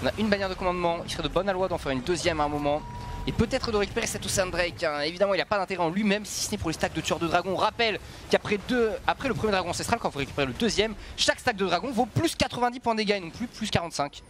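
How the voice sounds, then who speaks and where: A man's voice: high voice, fairly bright tone, slight background noise. A man working as an esports caster, giving live match commentary and fluent technical analysis. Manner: esports caster delivery, fluent rapid-fire explaining.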